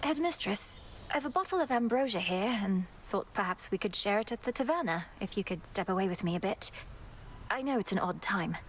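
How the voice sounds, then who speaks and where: An actress voicing a young witch princess in a video game, polite and earnest with a gently teasing edge. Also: mid-range voice, animated, fairly quick, slight background noise, natural voice.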